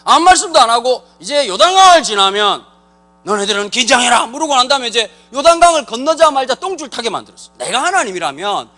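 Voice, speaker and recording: A man pastor delivers a comic sermon at a rapid clip, his voice swinging high and low as he jokes. He talks in slang, throws questions straight at the crowd and slips into quick character voices. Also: very animated, bright, forceful tone. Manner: joking, slangy, quizzes the crowd directly. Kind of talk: lively comic sermon to a congregation.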